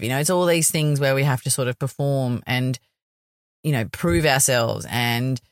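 A woman's voice: extremely low pitch, dry recording, studio quality. A woman hosting a podcast in an informal, rambling solo monologue, speaking earnestly and encouragingly to her listeners. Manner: effusive, encouraging. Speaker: podcast host.

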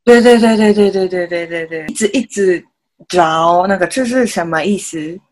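A woman, a native Japanese speaker with a Japanese accent in Mandarin, chatting casually as an interview guest in halting, simple phrases with repeated words. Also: fairly low pitch, darkish tone. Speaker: podcast guest, self-taught Mandarin learner.

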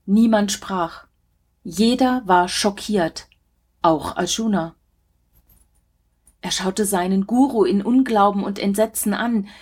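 Breathy woman narrating a myth. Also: mid-range voice, slow, pauses often, darkish tone. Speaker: storyteller. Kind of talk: scripted storybook narration.

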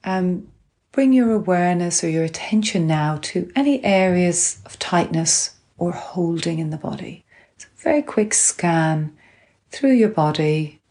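Calm low-voiced woman guiding a grounding exercise. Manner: calm, gentle, unhurried instructing with long pauses. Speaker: guided relaxation instructor.

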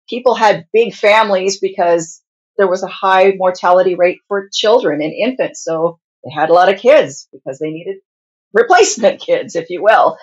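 A woman with a husky voice giving plain-spoken, explanatory answers as a hospice nurse being interviewed. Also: medium pitch, dull audio.

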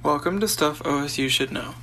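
A man's voice: a little high, fairly quick, sharp tone, slight background noise, low-quality recording. A young man hosting a student interview, informal and friendly, often saying "y'all".

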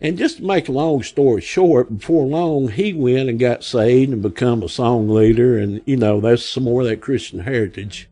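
This is a medium-pitched, warm male voice moving at a moderate pace with few pauses. The speaker, a sixty-something Arkansan with a regional accent, is an interview guest telling casual, rambling folksy stories and acting out the voices of people he quotes.

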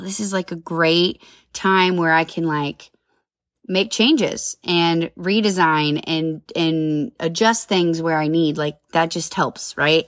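A woman in her thirties hosts her own solo podcast, chatting in an upbeat, rambling way full of side notes and asides. Her low voice has a fairly bright tone but sounds a little nasal and congested from a cold. The sound is dry and close, with no room around it.

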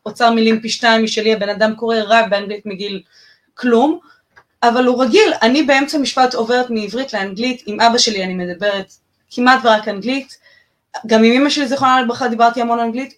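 Podcast co-host: woman, Israeli accent, slightly high voice, emphatic conversational delivery.

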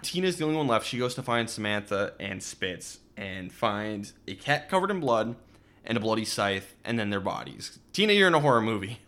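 A man's voice: on the low side, big pitch swings, normal speed, a bit bright. A man co-hosting a podcast, casually recapping a horror film with wry asides. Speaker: podcast co-host. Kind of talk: casual chat.

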